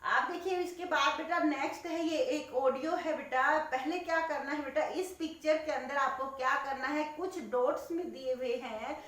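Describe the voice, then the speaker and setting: A woman's voice: sits high, moderate pace, few pauses, a bit bright. A woman teaching young children patiently, checking in again and again that they follow and calling them "beta". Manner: patient, repeats "theek hai?" and calls pupils "beta". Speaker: primary school teacher. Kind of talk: explaining a lesson to young children. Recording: very echoey room, voice far from the mic.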